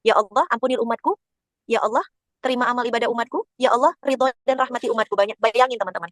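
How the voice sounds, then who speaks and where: Fast high-voiced woman preaching. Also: fairly bright tone, dry recording. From Indonesia. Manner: emotional, addresses listeners directly and often. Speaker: religious teacher. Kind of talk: webinar sermon with storytelling.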